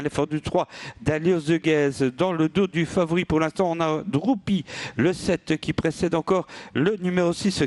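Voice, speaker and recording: Guy doing race caller commentary on horses, bit high voice, hesitates between names, very dry sound. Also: no echo. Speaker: horse racing presenter and commentator.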